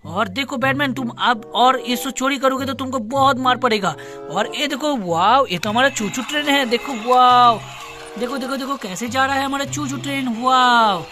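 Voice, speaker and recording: Very high-pitched guy playing with toys for kids, all excited exclamations, music under it. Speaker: toy channel host. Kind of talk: toy play narration for children. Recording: background music.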